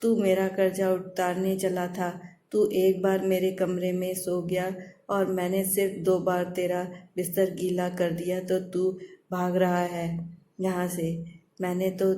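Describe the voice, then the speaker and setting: A woman narrator speaks as a patient old mother in a spoken family tale. The voice is low and unhurried, with little rise and fall and a dark, warm tone. An echoey room surrounds it. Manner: slow, even storyteller delivery. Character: elderly mother, patient and gentle. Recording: echoey room, faint background noise.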